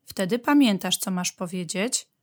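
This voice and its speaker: Woman as a calm, soothing mother badger. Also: medium pitch, normal speed, close to an everyday voice. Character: patient gentle mother badger. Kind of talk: storybook reading.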